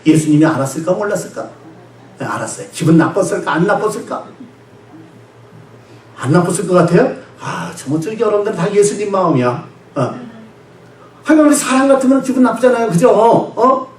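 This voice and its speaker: A male pastor preaches with a lively, bouncing delivery, tossing questions to the congregation and chuckling as he answers them. His voice sits a little high and swings widely. The sound echoes through a large church, caught from a distance. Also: a little fast, long pauses. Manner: animated, calls and responds with the congregation, laughs. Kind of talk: sermon. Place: church sanctuary.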